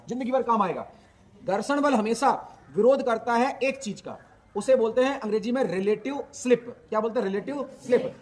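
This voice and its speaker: A man teaching a physics lesson. He asks his students questions, answers them himself, and stresses his points with energy. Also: extremely high pitch. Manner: lively, emphatic explaining.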